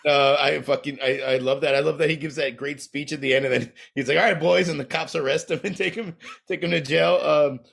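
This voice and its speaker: A man's voice: a little high, steady tone, fairly quick, a bit bright. A young man co-hosting a podcast, talking casually and rambling, repeating words as he goes. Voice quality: gravelly, swearing freely. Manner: rambling, repeats words, laughs at recalled jokes. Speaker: podcast co-host. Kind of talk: casual chat.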